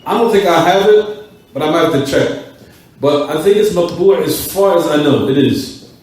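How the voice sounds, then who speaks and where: A man's voice: fairly high pitch, normal speed, darkish tone, recorded from a distance. A man teaching a class in a mosque, repeating key words and putting questions to his students. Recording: echoey room, voice from off the mic.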